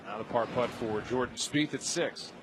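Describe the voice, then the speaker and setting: A man's voice: mid-range voice, moderate pace. A man doing live golf commentary in short, declarative phrases. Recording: very noisy outdoor broadcast. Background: loud outdoor ambience.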